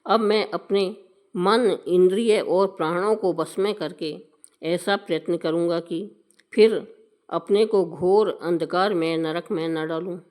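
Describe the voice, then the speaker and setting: Remorseful old male sinner read by a woman, repentant, very slow, measured recitation. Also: on the low side, steady tone, a little mellow.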